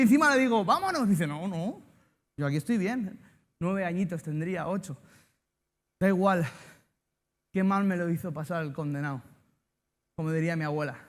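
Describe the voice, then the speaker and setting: High-voiced Spanish preacher telling jokey stories. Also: male voice. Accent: Spanish from Spain. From Spain. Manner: jokey storytelling, banter with the congregation. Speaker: pastor. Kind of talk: sermon with personal anecdote.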